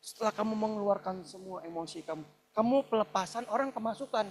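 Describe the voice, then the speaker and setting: Pastor, male, lively sermon delivery, slightly high voice that plays out quoted voices. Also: fast talker, a little hiss or hum. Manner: animated preaching, swings between soft asides and loud emphatic peaks; acts out quoted people in shouted or pleading voices. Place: church hall, live service.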